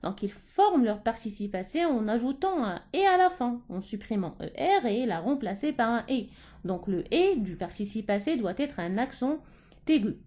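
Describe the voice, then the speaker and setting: A woman teaching a French grammar lesson to schoolchildren, talking slowly, repeating herself and stressing key words. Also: on the high side, lively intonation, mellow.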